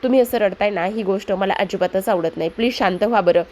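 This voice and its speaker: Calm, firm brother-in-law, read by a woman in her own voice. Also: mid-range voice, fast talker, slight background noise, close to an everyday voice. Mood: soothing.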